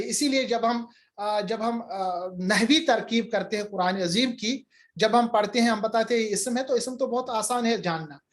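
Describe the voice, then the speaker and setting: A male teacher giving an online grammar lecture, patiently repeating examples and answering student questions. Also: very high voice.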